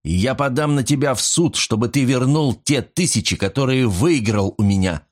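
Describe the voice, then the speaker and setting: A man's voice: mid-range voice, moderate pace, pitched above the performer's own voice, lightly acted. A man voicing an indignant young lord who exclaims and threatens a cheat.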